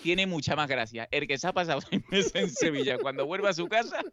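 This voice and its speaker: A man's voice: fairly high pitch, very animated, fairly quick, pushed and bright. A man, co-hosting a casual podcast and emphatically explaining with examples. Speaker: podcast co-host.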